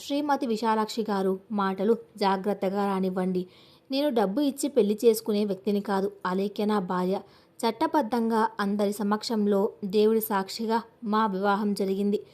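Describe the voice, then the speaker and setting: A woman narrator voicing a composed middle-aged male professor who speaks calmly and firmly. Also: mid-range voice, moderate pace, close to an everyday voice. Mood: calm firmness. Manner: calm, firm.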